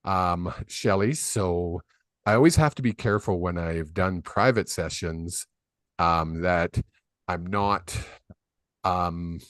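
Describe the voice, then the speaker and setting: A man with a low-pitched, fairly bright voice speaks slowly and dryly, with no room sound. He is a psychic medium hosting a live reading stream, chatting casually and rambling with plenty of fillers into a desk microphone on a video call.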